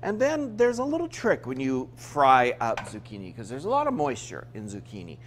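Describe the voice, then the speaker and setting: A man's voice: mid-range voice, huge pitch swings, moderate pace, a little hiss or hum. A man in his fifties from Utah hosting a TV cooking segment, chatting through each step as he cooks in a studio kitchen. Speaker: TV cooking show host. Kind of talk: cooking demonstration.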